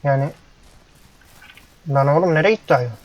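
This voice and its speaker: A young gameplay YouTuber chats casually through a ranch game, frustrated and talking back to the animals. His voice is fairly high at a moderate pace. Recorded on a headset mic, the sound is dull and lo-fi with faint noise.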